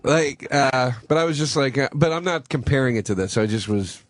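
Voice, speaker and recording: A man's voice: mid-range voice, lively intonation, fairly quick, no room sound. Swearing self-mocking man, dry sound. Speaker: regular co-host. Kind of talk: casual radio chat.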